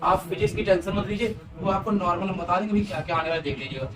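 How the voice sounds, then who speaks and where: High-pitched male teacher, distant and noisy. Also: rapid-fire. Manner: coaxing, repetitive advice to students. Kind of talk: exam-prep class lecture.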